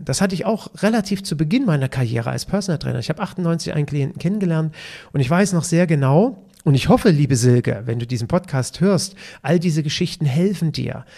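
A man in his fifties with a gravelly, husky voice pitched a little high. He hosts a podcast and tells long anecdotes, slipping into the voices of both people in a conversation. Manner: lively storyteller acting out dialogue, stammers for effect. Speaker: personal trainer, podcast host. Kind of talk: storytelling monologue.

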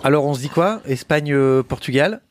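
A man co-hosting a casual football podcast, quick and joking, laughing often in front of a small live audience. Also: mid-range voice, expressive, no echo. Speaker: co-host.

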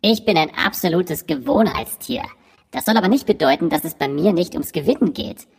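A woman in a disguised deep voice, voicing an aging, boastful dinosaur who speaks the riddling clues of a quiz. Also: lively intonation, fairly quick, a little mellow, husky, heavily acted. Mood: proud. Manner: riddling, rhyming clue delivery. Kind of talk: scripted quiz clue recording. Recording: recording with long hall reverb.

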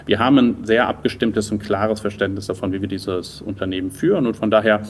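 A fairly low-pitched man talks a little quickly, with a faint hiss or hum in the background. He is an entrepreneur in his thirties from Düsseldorf, Rhineland, Germany, appearing as an interview guest who answers thoughtfully and conversationally, searching for words as he goes.

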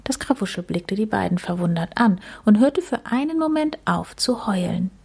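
A woman reading a children's story aloud, gentle and unhurried. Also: mid-range voice, animated, vocal fry, slightly rough.

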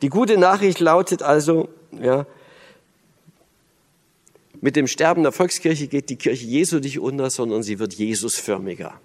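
A man's voice: medium pitch, moderate pace, pauses often. A man from Berlin giving a lecture on the church, thoughtful, with many fillers and restarts. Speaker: speaker on church and religion. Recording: long hall reverb.

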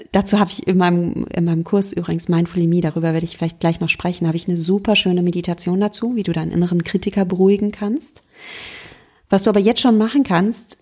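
Female mindfulness coach, podcast host; breathy, gentle, encouraging, speaks directly to the listener. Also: lowish voice. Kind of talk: self-help podcast talk.

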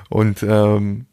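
A man's voice: fairly low pitch, clear, resonant tone. A man co-hosting a podcast, telling a story in a casual, slangy way and acting out the people in it. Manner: animated storyteller, acts out phone calls, slangy. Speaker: podcast co-host.

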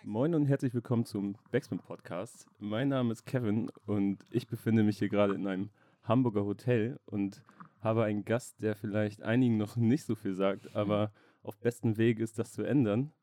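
A man's voice: on the low side, fairly even intonation, mellow, no echo, clean studio sound. A young man from near Oldenburg, hosting a casual podcast interview in a hotel room and filling his talk with "so, ne?". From Germany, near Oldenburg. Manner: fast, chatty, many fillers like "so, ne?".

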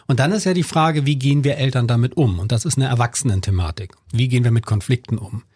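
A middle-aged man, a family counselor, explaining parenting calmly in conversation with some hesitation fillers. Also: mid-range voice, fast, breathy edge, dry recording, studio quality. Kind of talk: conversational expert advice.

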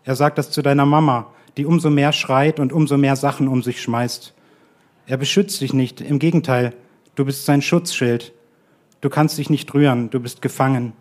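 A man reading his own short story aloud at a live radio event, in a calm and measured way that slows to quiet, drawn-out lines. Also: mid-range voice. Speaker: guest author reading his own text.

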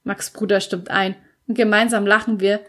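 A woman narrating a first-person audiobook in an expressive storytelling manner. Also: medium pitch, normal speed.

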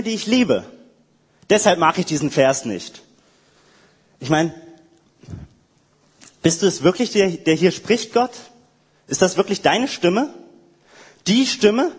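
A man speaking directly to God in a reflective, prayer-like monologue, halting and hesitant, with frequent restarts. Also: high-pitched, husky, big-room sound.

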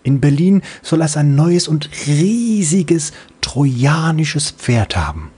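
A man's voice: on the high side, big pitch swings, takes it slowly, dark tone, slightly rough, pitched above the performer's own voice, full character voice. A man voicing a patient mother who explains things in a soothing, doting way.

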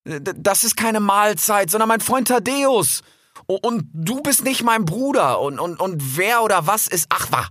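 A man's voice: high-pitched, very animated, measured pace, a bit bright, no room sound, clean studio sound, exaggerated voice. A man voicing a young grey male fox in a storybook, jumpy and stubborn, stammering when flustered. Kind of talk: audiobook character voice.

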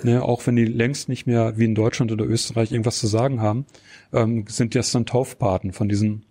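A man's voice: mid-range voice, level tone, brisk, dark tone, dry recording. Hesitant man explaining at length. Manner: hesitant, many filler sounds and tag questions. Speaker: interview guest. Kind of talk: explanatory interview answers.

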